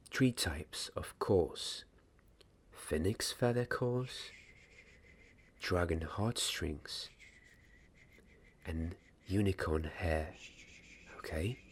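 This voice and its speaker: In an ASMR roleplay, a young adult man plays a gentle, patient wand maker mentoring an apprentice, speaking softly and breathily, sometimes whispering, with hesitant, deliberate phrasing. His voice is deep and exaggerated, the mood calm and instructive. The recording, made in a small dim indoor room, clearly picks up background noise and ambience.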